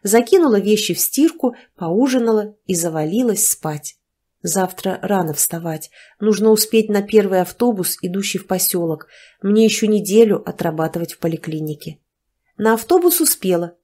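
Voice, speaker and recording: A woman's voice: medium pitch, animated, normal speed, mellow. Woman reading a first-person story. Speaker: audiobook narrator. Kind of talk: first-person audiobook narration.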